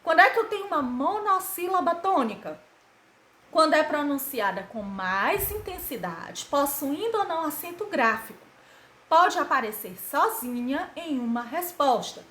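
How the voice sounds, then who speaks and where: A woman's voice: high voice, lively intonation, normal speed, fairly bright tone, reverberant. A woman teaching a grammar lesson to children, asking and answering her own questions and stretching syllables for emphasis. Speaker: schoolteacher.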